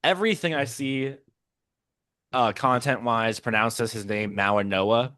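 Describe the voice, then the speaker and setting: A man's voice: mid-range voice, expressive, unhurried, sharp tone, no echo, clean studio sound. A man co-hosting a casual podcast, reacting live to a sports draft from a hotel room and thinking aloud. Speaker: podcast co-host.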